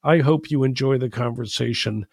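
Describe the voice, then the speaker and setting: Male podcast host, mid pitch, dead-dry close mic, steady measured reads. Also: gravelly, no room sound. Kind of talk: host intro and read sponsor ad, then interview questions.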